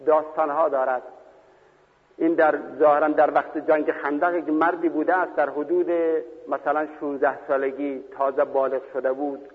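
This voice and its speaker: A man telling a religious story as a sermon, rising to loud impassioned cries when he quotes the figures. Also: fairly high pitch, little pitch movement. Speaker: preacher. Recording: tinny phone-like old radio broadcast with long reverb.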